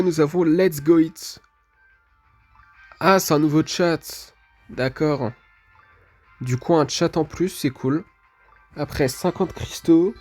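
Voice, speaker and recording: A man's voice: fairly high pitch, darkish tone. A man, casually commenting on a mobile game while opening rewards, hesitant and full of fillers. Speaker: gaming video creator.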